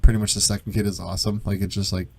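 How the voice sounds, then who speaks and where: A man in his thirties hosts a loose, casual podcast conversation over an internet call. His voice sits on the low side, and he laughs easily and often restarts his sentences. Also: little pitch movement, very fast, vocal fry, warm tone, slightly rough. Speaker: podcast host. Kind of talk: casual chat.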